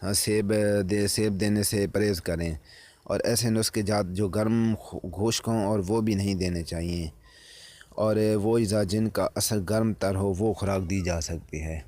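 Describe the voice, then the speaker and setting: A man's voice: on the low side, steady tone, a little mellow. A man giving spoken instructional advice on keeping partridges, often repeating and rephrasing his points and calling viewers friends.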